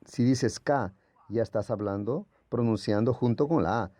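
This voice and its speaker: A man's voice: medium pitch, normal speed, dark tone, no room sound. A man whose first language is Portuguese gives a patient, explanatory lecture as a Greek language teacher, sounding out letters as he goes. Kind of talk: classroom lecture.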